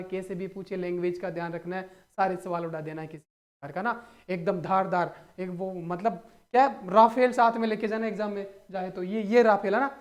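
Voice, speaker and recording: A man coaching students for exams, teaching through playful mnemonic stories and rhetorical questions, often calling his listeners brother and friends. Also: high voice. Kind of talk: energetic exam-prep lesson.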